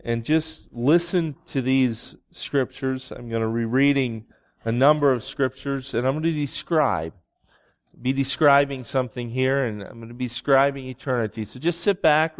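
Guy preaching a sermon and reading scripture, really unhurried, pauses a lot, mid-pitched voice. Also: a little mellow. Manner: slow, deliberate, with long pauses. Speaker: pastor.

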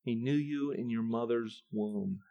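A pastor preaching a sermon to his church, swinging from quiet, low passages to loud, rising ones. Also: a little slow, creaky.

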